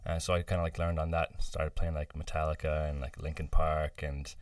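A man from near Boston, a podcast guest, telling stories in relaxed, casual chat with lots of fillers. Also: a bass voice, a little fast, clear, resonant tone, no echo, recorded from a distance. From United States, near Boston. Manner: relaxed storytelling with many fillers and laughs.

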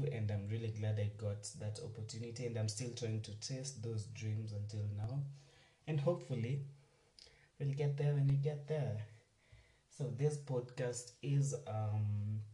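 A man, hosting a casual solo podcast, chatty and rambling as he talks warmly to his listeners. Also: on the low side. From Kenya. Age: 20s. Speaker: podcast host. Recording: roomy, distant mic, faint music.

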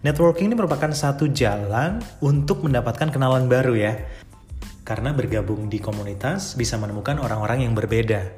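A man's voice: mid-range voice, a little fast, a little mellow, faint music behind. A man hosting a podcast, talking to listeners in a chatty, upbeat way with fillers and rhetorical asides. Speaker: podcast host. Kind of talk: casual podcast talk.

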